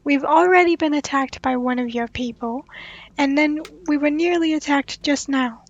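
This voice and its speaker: High-voiced earnest woman player. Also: moderate pace, dull audio. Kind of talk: tabletop role-play.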